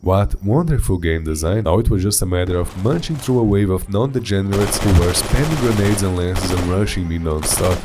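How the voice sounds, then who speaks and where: Deep-voiced deadpan gameplay narrator. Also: male voice, background noise. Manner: deadpan, dry sarcastic humor. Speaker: gaming video narrator. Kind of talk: sardonic gameplay voice-over. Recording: game music underneath.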